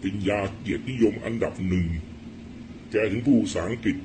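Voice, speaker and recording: A middle-aged man giving blunt, rough-spoken political commentary in a casual storytelling monologue. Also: on the low side, brisk, noisy background.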